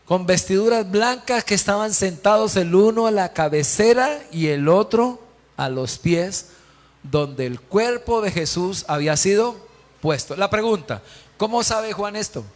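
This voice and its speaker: A man's voice: high-pitched, lively intonation, unhurried. A man preaching a sermon as pastor, emphatic, quizzing the congregation with repeated questions. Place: church hall. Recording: long church hall reverb.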